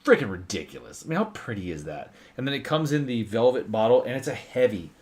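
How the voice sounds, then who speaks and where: Excitable man chatting on a livestream. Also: mid-range voice, fast. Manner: excitable, swears freely, animated storytelling. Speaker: host of a whiskey livestream. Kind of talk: casual livestream chat.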